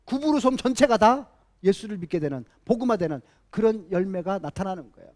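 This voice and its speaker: A man's voice: high-pitched, lively intonation, brisk, a little mellow. A man preaching a sermon as a pastor, emphatic, repeating key phrases and putting rhetorical questions to the congregation.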